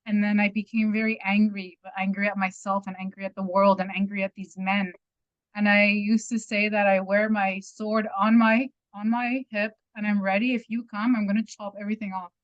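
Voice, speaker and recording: A woman's voice: medium pitch, level tone, brisk, no room sound. Candid woman on dull, dry audio. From Iran. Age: 30s. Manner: candid, emphatic. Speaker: participant sharing her story.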